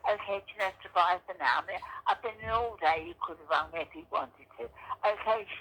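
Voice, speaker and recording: Older woman's bright voicemail over a landline phone. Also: mid-range voice, a little fast, husky, poor audio. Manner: formal, repetitive, slightly reproachful. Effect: voicemail played back over a landline phone. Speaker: caller leaving a voicemail. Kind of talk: voicemail message.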